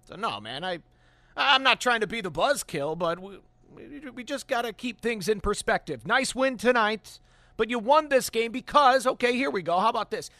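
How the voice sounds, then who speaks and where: A man hosting a postgame sports radio call-in show, talking in an animated, emphatic way with fillers and restarts. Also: high-pitched, dry recording. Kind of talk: sports talk radio, opinionated analysis.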